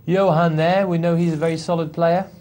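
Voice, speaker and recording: A man's voice: on the high side, level tone, a little fast, darkish tone. A man co-commentating live poker, earnest and agreeable as the sidekick in the banter.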